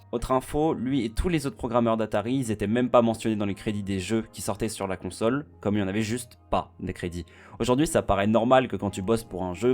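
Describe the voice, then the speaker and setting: Man, video essay narration, quick delivery, lowish voice, casual slangy asides, soft music underneath. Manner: chatty, slangy asides to the viewer. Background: faint background music.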